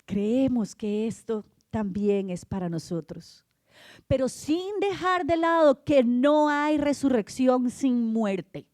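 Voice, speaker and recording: A woman's voice: high voice, animated, takes it slowly, darkish tone, dry recording, clean studio sound. A woman preaching an Easter sermon to a congregation, telling the story with animation, acting out voices and often asking her listeners "right?". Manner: acts out voices of the people in the story.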